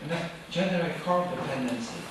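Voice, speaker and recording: A middle-aged woman from Norway answers questions from a podium, thinking aloud with fillers and restarts. Her voice comes from well back in a big, booming auditorium. A steady hiss of room noise sits underneath. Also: far from the mic. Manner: thoughtful, halting with fillers and restarts. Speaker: workshop speaker. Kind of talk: answering questions after an academic talk. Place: large wood-paneled auditorium, on a stage at a podium. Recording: echoey hall picked up from afar, with background noise.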